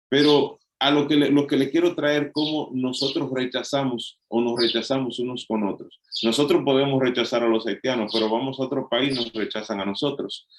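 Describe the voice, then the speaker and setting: With a mid-range voice in a roomy-sounding space, this middle-aged Dominican pastor delivers a sermon in a chatty way. His Dominican accent comes through as he keeps restarting sentences and using "eh" as filler.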